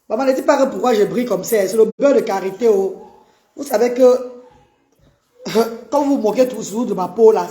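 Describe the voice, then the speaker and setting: Lady on a live stream, kinda high voice, roomy echo, greets everyone nonstop and begs for shares. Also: mellow. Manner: effusive, repeatedly greets viewers and pleads for shares. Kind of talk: live stream chat to viewers.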